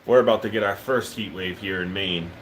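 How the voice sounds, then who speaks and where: Low-voiced man chatting on a livestream. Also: brisk, very noisy. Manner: relaxed, rambling, many ums and uhs. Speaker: livestream host. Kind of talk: casual live-stream chat.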